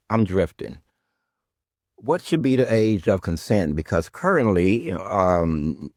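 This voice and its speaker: A man's voice: low-pitched, darkish tone, no room sound, clean studio sound. A male podcast host delivering a confrontational monologue at an absent guest. He is sarcastic and profane, and he keeps circling back to his questions.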